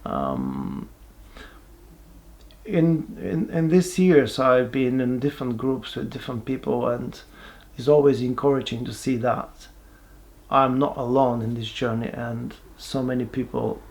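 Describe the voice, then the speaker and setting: A man, giving a halting, reflective personal testimony with many pauses and restarts. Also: mid-range voice, lively intonation, creaky, a little mellow. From Bulgaria. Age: 40s. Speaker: person sharing his life story.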